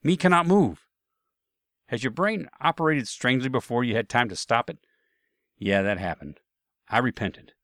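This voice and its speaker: A man's voice: mid-range voice, lively intonation, normal speed, fairly bright tone, no echo, studio quality. Wry man telling a travel anecdote. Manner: wry, self-deprecating humor. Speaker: storyteller. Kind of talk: first-person anecdote narration.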